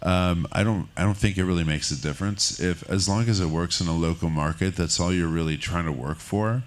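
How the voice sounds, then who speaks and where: A man from France speaking as a guest on a festival stage, candid and relaxed, talking in loose rambling bursts. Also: low voice, fairly quick. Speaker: film finance executive, keynote guest. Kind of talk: onstage conversation. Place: stage at a film festival market.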